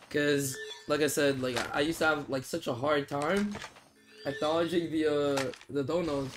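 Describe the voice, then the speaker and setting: A young adult man from the Philippines streams a mobile shooter from a small indoor room, speaking into a headset mic in a fairly high, slightly bright voice. Laid-back and rambling, he reads chat aloud and swears casually, with game audio, game sounds, and clicks audible behind him.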